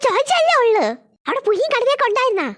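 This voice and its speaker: A woman's voice: very high voice, lively intonation, very fast, very noisy. A woman voicing a small child in a cartoon who keeps asking its big sister questions. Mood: curious. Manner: asks endless questions. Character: small curious younger sibling.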